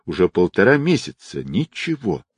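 A man voicing a frantic young woman, pleading tone, breathy, dry close sound. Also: deep voice, very animated, normal speed, no echo, heavily acted. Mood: frightened. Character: anxious, tearful young woman.

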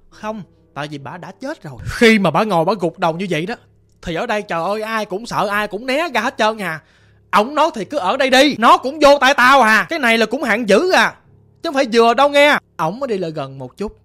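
A Southern Vietnamese storyteller spinning an eerie ghost tale in plain, folksy speech. The voice swells to loud exclamations and sinks to hushed murmurs. Faint music plays softly behind. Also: medium pitch.

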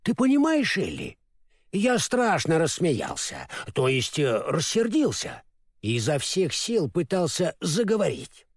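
A man's voice: on the high side, wildly swooping pitch, unhurried, dry recording, clean studio sound, exaggerated voice. A man doing a stammering, muddled straw scarecrow. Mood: storytelling. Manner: stammers, mixes up words then corrects himself. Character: clumsy naive straw scarecrow, male, cheerful. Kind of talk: storybook reading.

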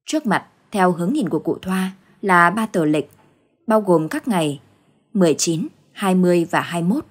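Woman narrator for a ghost story; low, husky, steady delivery. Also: moderate pace.

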